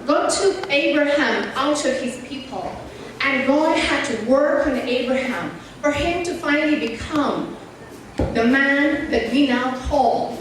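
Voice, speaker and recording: Her voice sits high as she motivates a young church audience, weaving in conversational stories and talking to them directly. A guest speaker and mentor, she was born in Nairobi, Kenya and raised partly outside the country. A distant microphone in the vast, echoing hall picks up heavy reverb and faint noise.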